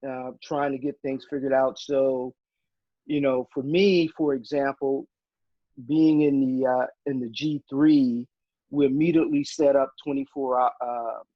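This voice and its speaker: A retired army officer telling a story in casual interview talk, with many fillers and restarts. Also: male voice, medium pitch, little pitch movement, a little slow, no echo, lo-fi sound.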